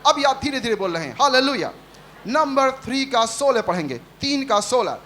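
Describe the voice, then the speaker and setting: Male pastor, very high voice, call-and-response preaching, church service. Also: big pitch swings, moderate pace, bright, forceful tone, slight background noise. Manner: repetitive call-and-response preaching, acting out quotes. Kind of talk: Hindi sermon.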